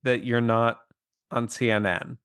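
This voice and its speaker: A man's voice: medium pitch, unhurried, fairly bright tone, clean tone, no echo. A man co-hosting a chatty podcast, dry and wry, rambling his way through his points. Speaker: podcast co-host. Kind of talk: casual chat.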